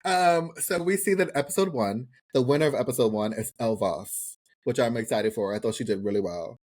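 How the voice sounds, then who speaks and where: In casual chat on a TV recap podcast, a co-host swears freely, repeats phrases and speaks with slangy emphasis. He talks briskly in a medium-pitched, slightly mellow voice.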